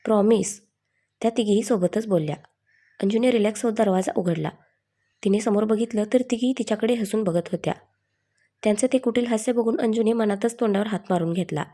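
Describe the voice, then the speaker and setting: A woman narrating a story in a steady, expressive reading. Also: mid-range voice, fast talker.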